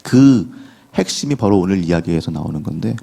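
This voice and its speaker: A man's voice: low voice, animated, brisk, creaky, mellow, husky. A middle-aged male pastor preaching a conversational early-morning sermon, acting out the voices of the people in the story. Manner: conversational preaching with acted quotes of biblical figures. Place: church sanctuary.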